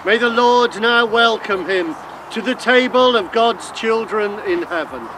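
A middle-aged man, a priest, speaking a solemn, measured graveside prayer in formal liturgical phrasing. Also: high-pitched, animated, far from the mic. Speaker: priest leading a burial service. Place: outdoors at a cemetery graveside. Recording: outdoor recording with background noise.

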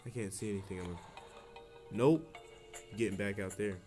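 Low-voiced male gamer over music. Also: measured pace, dark tone. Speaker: gamer playing and commenting. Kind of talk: casual game commentary. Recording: game music behind the voice.

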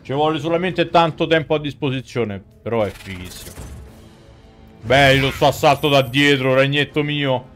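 This man in his thirties, a video game streamer from central Italy with a Roman accent, speaks at a moderate pace in a mid-range, fairly bright voice. He delivers casual, colloquial live commentary on his gameplay via headset, in an indoor gaming room with game music playing.

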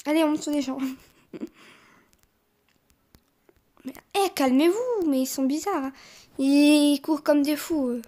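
A young woman narrating a video game as she plays, animated, often squealing and laughing. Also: sits high, measured pace, long pauses. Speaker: gaming YouTuber. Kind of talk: excited let's-play commentary.

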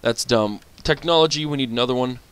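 A man's voice: mid-range voice, fast, fairly bright tone, clear, resonant tone. A man commenting casually on his strategy game as he plays, grumbling at setbacks and talking to his units. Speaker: gaming channel host.

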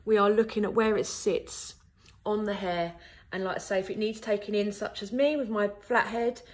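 Chatting into a phone camera held at arm's length, a woman in her thirties who owns a wig salon makes an upbeat, casual how-to video from her shop. She speaks at normal speed in a mid-range voice with fairly even intonation, dropping frequent ums.

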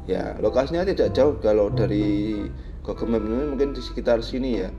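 A man's voice: lowish voice, a little fast, lo-fi sound. A man riding a motorbike through village roads, giving jokey running commentary to his viewers. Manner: chatty, jokey, addresses viewers as "Lur". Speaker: motovlogger. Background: background music.

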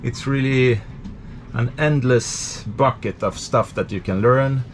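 Swedish male sailing vlogger, 30s, relaxed hands-on explainer, mid-pitched voice, slight noise behind. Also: slow pace. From Sweden. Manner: relaxed, thinking aloud with many fillers. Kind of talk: casual explanatory vlog. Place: cramped engine compartment on a boat.

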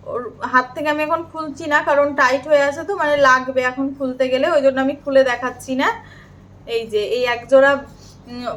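Middle-aged lady vlogging, chatty and soft, bit high voice. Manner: chatty, homely, soft-spoken. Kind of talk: casual vlog chat.

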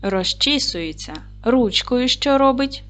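A woman teaching a recorded lesson for young children, speaking clearly and slowly with encouraging praise. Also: high-pitched, lively intonation, fairly bright tone. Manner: clear, slow, encouraging classroom delivery. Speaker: primary school teacher.

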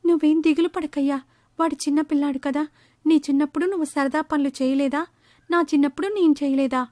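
A woman's voice: sits high, fairly even intonation, brisk, darkish tone, no echo, studio quality, pitched above the performer's own voice, close to an everyday voice. A woman voicing a practical, blunt village mother talking to her husband, in a storybook tale. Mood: reassuring. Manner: reassuring, blunt.

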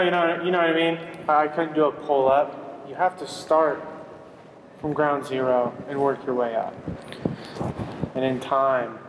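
A man working as a fitness trainer, coaching a workout with an upbeat, encouraging manner and counting reps. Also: medium pitch. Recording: echoey hall with background noise.

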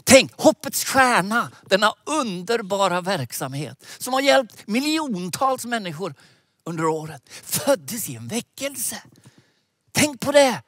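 A man in his sixties preaching a sermon outdoors with animated gestures, speaking into a headset mic. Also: high voice, no room sound, studio quality. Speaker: preacher and mission leader. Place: outdoors by a lake.

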